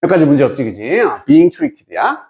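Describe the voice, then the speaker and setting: A man teaching an English reading lesson, asking and answering his own questions and drawing out English words slowly. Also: on the high side, wildly swooping pitch, darkish tone. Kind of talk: lecture.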